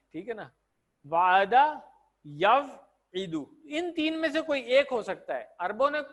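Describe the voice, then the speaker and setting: Patient high-voiced male online teacher. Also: fairly bright tone. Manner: patient, repeats conjugations with translations; checks in often with students. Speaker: Arabic grammar teacher. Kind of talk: online class lecture. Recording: online class audio.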